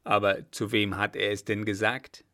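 A man voicing a blustering, gruff old field marshal who bellows brusquely. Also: fairly low pitch, level tone, moderate pace, pushed and bright.

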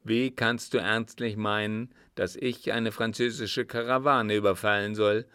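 A man voicing a cold, guarded older desert sheik in an audiobook reading, with a measured, cool delivery. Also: fairly low pitch, level tone, sharp tone, smooth, no room sound, studio quality.

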